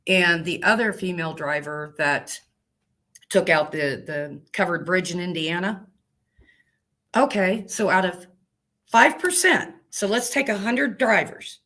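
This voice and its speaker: This is a woman truck driver giving a casual interview, with a slightly low voice. She speaks plainly and with emphasis, in a folksy, down-to-earth manner that leans into her points. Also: unhurried, bright, forceful tone.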